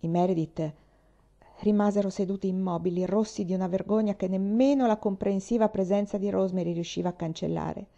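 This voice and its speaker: A woman reading a children's novel aloud with steady narration. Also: medium pitch, fairly quick, vocal fry, dull audio. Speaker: audiobook reader. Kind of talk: storybook reading.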